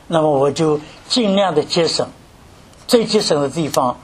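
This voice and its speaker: An older man from mainland China preaching a sermon, posing rhetorical questions and telling his story with animated emphasis. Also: fairly high pitch, normal speed, husky.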